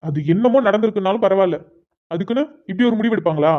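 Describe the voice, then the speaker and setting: A woman's voice: mid-range voice, quick pace, narrow, tinny audio, natural voice. A woman voicing a young man, a protective elder brother who talks in a heated, insistent way, in a cartoon. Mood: angry. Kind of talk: cartoon voice acting.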